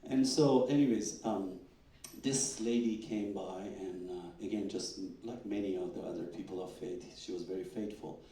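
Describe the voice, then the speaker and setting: Man, doctor presenting at an event, lowish mellow voice, animated storytelling, echoey hall, distant mic. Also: normal speed. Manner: animated storyteller, acts out quotes with stammers. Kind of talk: live talk at a fundraising event.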